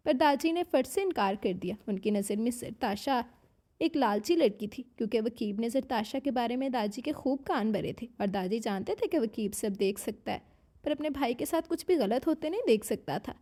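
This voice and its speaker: Female audiobook narrator, steady storyteller, slightly high voice. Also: normal speed. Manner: even, storytelling.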